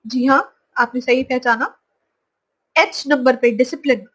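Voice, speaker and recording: A woman teaching English vocabulary from slides, saying each word slowly and repeating it. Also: high-pitched, fairly bright tone, slightly rough, poor audio. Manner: slow, drawn-out pronunciation of each word, repeated. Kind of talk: slide-based vocabulary lesson.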